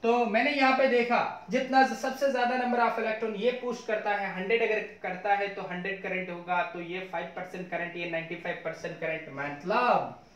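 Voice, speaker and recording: A man's voice: high-pitched, fairly even intonation, normal speed, a bit bright. A man teaching physics in a lecture, often asking his students questions and mixing English terms into his talk. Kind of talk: classroom lecture. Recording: echoey room.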